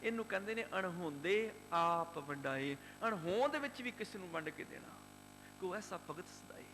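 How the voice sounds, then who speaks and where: A Sikh preacher from Punjab, India, telling a religious story in a fervent, rhythmic, emphatic way. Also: male voice, high-pitched, lively intonation, moderate pace, pushed and bright, soft background music. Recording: hall reverb, faint hum.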